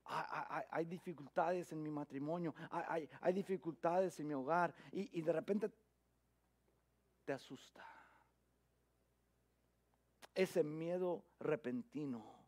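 A middle-aged man preaching a sermon, swinging from loud emphasis to a hushed near-whisper, with frequent restarts and repeated words. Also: fairly high pitch, takes it slowly, pauses often. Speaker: pastor.

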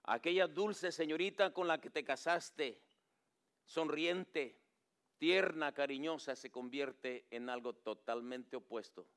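A pastor preaching a sermon, swinging between raised pleading and hushed, low endings. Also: male voice, slow, smooth. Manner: preaching with dramatic drops to a low hush; acts out pleading quotes in a raised voice.

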